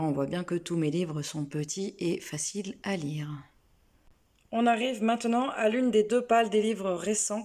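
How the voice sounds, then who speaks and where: Young woman, mellow voice, book vlogger who teases herself, in an echoey room. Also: fairly low pitch. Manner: chatty, self-mocking, with many restarts. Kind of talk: casual chat to camera.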